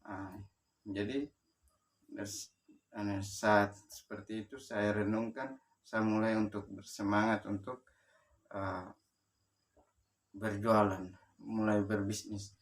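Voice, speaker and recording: A man from Sumba in eastern Indonesia tells his own life story, speaking haltingly with frequent pauses and restarts. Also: fairly low pitch, level tone, recorded from a distance. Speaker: motivational speaker. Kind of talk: personal life story told to camera.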